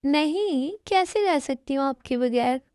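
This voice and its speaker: A woman's voice: expressive, a little slow, a little mellow, dry recording, clean studio sound. A woman voicing a clingy young wife who sulks and pleads, in an amateur fan-story dub. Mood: sulky. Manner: sulky, pleading and high.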